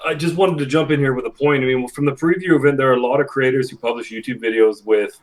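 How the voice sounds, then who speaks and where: A man's voice: mid-range voice, fast, low-quality recording. A man, a guest on a gaming podcast, talking at length in a rambling way with many fillers. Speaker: guest, influencer manager. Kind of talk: casual podcast chat.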